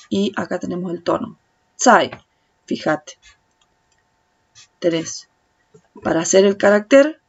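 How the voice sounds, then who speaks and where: A woman with a Rioplatense Spanish accent walks through a language lesson at an unhurried pace, patiently repeating each sound for the viewer. Her voice sits at a middle pitch. The audio is a little dull and lo-fi. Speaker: Chinese language teacher. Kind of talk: slow step-by-step tutorial explanation.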